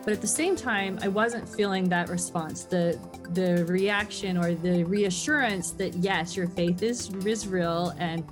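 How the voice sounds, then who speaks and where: An American woman appears as a podcast guest, telling personal stories in a casual, effusive, chatty way. Her fairly low voice is unhurried with few pauses, heard over music.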